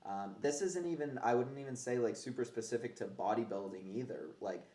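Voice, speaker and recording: A warm-toned man at medium pitch talks a little fast as host of a casual fitness podcast. He speaks conversationally, dropping gym-bro slang and casual swears, in a roomy, echoey recording.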